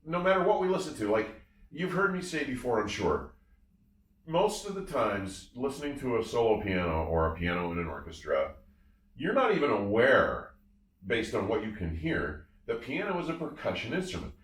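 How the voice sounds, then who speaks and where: Speaking at a normal speed in a medium, sing-song voice, a male show host reviews audio equipment with casual enthusiasm, gushing emphatically and repeating his phrases often. The audio sounds roomy and somewhat distant from the mic.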